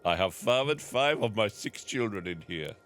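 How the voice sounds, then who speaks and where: A man's voice: on the low side, lively intonation, moderate pace, fairly bright tone. A man voicing a burly Swedish dog musher, growling in a thick put-on Swedish accent. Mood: gruff.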